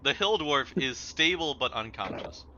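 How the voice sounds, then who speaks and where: A man narrating as dungeon master, relaxed and halting, with fillers. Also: mid-range voice, dull audio, a little hiss or hum. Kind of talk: narrating a tabletop game.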